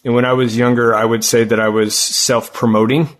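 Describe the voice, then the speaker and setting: A man's voice: mid-range voice, level tone, fairly quick. A man in his late thirties hosting a podcast, earnest and eager, a little rambling as he asks his questions. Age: late 30s. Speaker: podcast host. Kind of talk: casual interview conversation.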